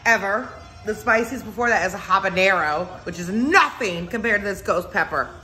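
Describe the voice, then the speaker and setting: A woman's voice: medium pitch, moderate pace, soft background music. A woman vlogger doing a pepper challenge, gasping and exclaiming while her mouth burns, then laughing and chatting casually. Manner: animated, exclaiming, laughing through the burn. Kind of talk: casual home video chat.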